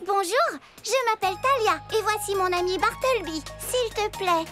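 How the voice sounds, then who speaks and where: A woman's voice: very high-pitched, moderate pace, over loud music. A woman playing a brave, polite and determined little girl in a children's cartoon, earnest in delivery.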